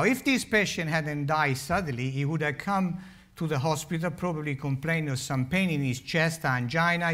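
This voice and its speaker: Through a lectern microphone in a big lecture hall, an older man from Italy, a heart surgeon, delivers a public talk peppered with jokes. His slightly high, Italian-accented voice tells lively, wry stories, often punctuated by "uh."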